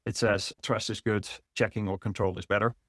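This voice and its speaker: In an online business webinar, a middle-aged man from the Netherlands explains his material in a Dutch accent, often restarting and using fillers. He speaks a little fast in a low-ish, level tone, captured with clean, echo-free studio sound.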